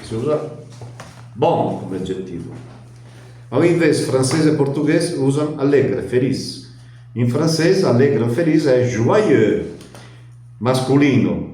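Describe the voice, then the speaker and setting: Older guy, unhurried teacher who keeps explaining, very echoey recording. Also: medium pitch, animated, dark tone, slight background noise. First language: Italian. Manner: chatty, explains at length, ends points with a questioning tag. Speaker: language teacher. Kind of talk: relaxed spoken lesson. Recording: very echoey room.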